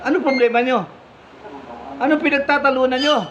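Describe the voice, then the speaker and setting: A man voicing a stern, fair-minded male vineyard owner who questions his workers firmly and deliberately. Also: extremely high pitch, steady tone. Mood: questioning. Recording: slightly muffled, faint background hum.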